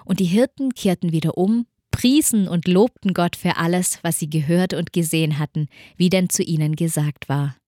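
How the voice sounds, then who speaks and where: A woman reading a Bible passage in an even, measured way. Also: lowish voice, no echo, studio quality. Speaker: scripture reader. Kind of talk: scripture reading.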